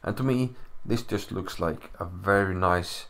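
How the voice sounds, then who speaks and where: A chess commentator with an Icelandic accent analyzes a game casually from a room at home, recording on a computer mic with no camera. His low, slightly bright voice moves at a measured pace as he thinks aloud, chatty and self-deprecating.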